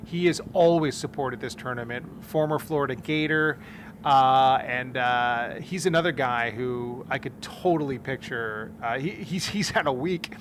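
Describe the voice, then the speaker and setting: A man's voice: medium pitch, measured pace, a bit bright, a little hiss or hum. A man hosting a casual golf podcast, chatty and full of restarts, recorded outdoors at a tournament. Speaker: podcast host. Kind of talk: casual chat.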